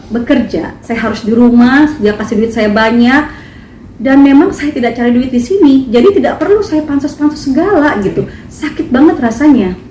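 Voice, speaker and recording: A woman's voice: on the high side, darkish tone, distant mic. A woman singer making an emphatic, indignant statement at a press conference. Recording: echoey, from afar, faint noise.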